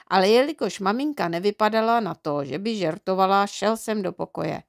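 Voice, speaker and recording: Žena s chraplavým hlasem čte dětskou knihu. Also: female voice, mid-range voice, vocal fry, dry recording, clean studio sound. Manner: lively storytelling. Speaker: audiobook reader. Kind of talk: reading a children's book aloud.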